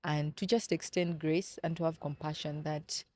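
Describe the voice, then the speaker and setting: A podcast guest from Kenya in her thirties tells candid stories about her life in a reflective, earnest way, often repeating words while she gathers her thoughts. Her low voice is darkish, with a flat delivery at normal speed.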